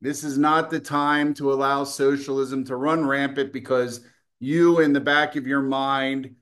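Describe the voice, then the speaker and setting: A middle-aged political commentary host with a mid-range voice delivers a combative, scornful opinion monologue full of profanity, coughing now and then.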